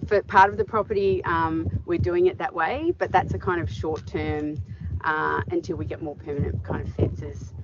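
A woman's voice: fairly low pitch, steady tone, normal speed. A middle-aged woman farmer answering interview questions outdoors in a paddock, thoughtful and full of fillers. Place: open farm paddock outdoors. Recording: dull audio with clear background noise.

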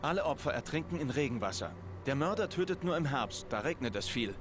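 A man playing a serious, analytical investigator in a dubbed video game, giving a measured, matter-of-fact briefing. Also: mid-range voice, very animated, music in the background, lightly acted. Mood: serious, factual. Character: serious analytical male investigator in his thirties.

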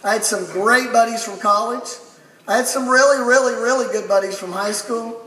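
A man's voice: very high-pitched, normal speed. Man speaking from a distant stage. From Texas. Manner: folksy, building a repeated punchline. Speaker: family doctor introducing a speaker. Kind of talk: public speech at a town hall. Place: large theater stage with crowd. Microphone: podium mic, recorded by a far audience camera. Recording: echoey hall from far off, loud crowd.

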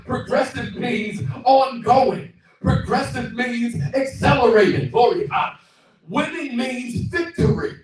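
A middle-aged male guest pastor preaching a sermon with a handheld mic in a small church hall, calling for responses and shouting exclamations. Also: very high voice, slow. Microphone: handheld mic, far camera. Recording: echoey hall from far off, faint music.

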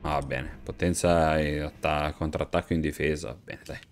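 A man's voice: rumbling low, normal speed. A young man giving casual, slangy and jokey gameplay commentary with plenty of crude swearing. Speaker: streamer playing a video game. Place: small room at home, webcam stream. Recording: clear steady background noise.

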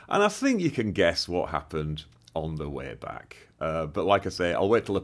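A British man with a very deep, low voice talks casually to camera from indoors. He rambles along with plenty of ums and self-mocking asides, the easygoing manner of a barrister chatting to his viewers. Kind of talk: casual vlog talk.

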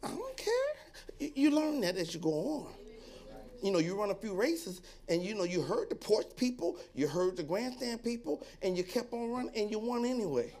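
A male pastor delivers a sermon with a high, swooping voice, joking with the congregation and acting out onlookers' remarks. When he reads scripture and exhorts, he drops to a quieter, lower tone. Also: sing-song, normal speed.

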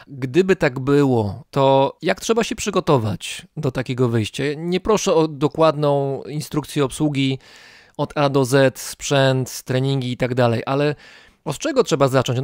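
A man's voice: mid-range voice, darkish tone, no echo, clean studio sound. Curious man asking long questions. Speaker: podcast host. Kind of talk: interview questions.

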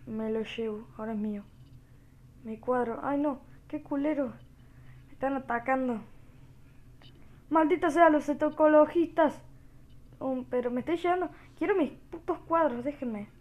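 A woman with a Rioplatense Spanish accent giving gameplay commentary, talking quietly and joking as she reacts to the game. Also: sits high, moderate pace. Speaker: gamer.

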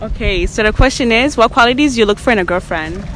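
A woman's voice: on the high side, quick pace, fairly bright tone, poor audio. A young woman interviewing students on a college campus, asking short questions into a handheld phone and laughing often. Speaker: street interviewer. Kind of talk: casual street interview. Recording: outdoor street noise.

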